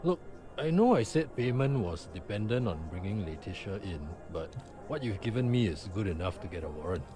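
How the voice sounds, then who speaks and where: An actor playing an earnest, tired lawman in a noir video game, speaking in a measured, formal way over music. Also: on the low side, very animated. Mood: grateful, businesslike. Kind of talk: scripted video game voice acting.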